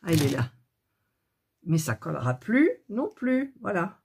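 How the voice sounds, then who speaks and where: A woman's voice: lowish voice, sing-song, measured pace, vocal fry, a little hiss or hum. A middle-aged woman doing a casual hands-on craft demo, grumbling and talking to herself as she works, filmed up close on a phone. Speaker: craft video host.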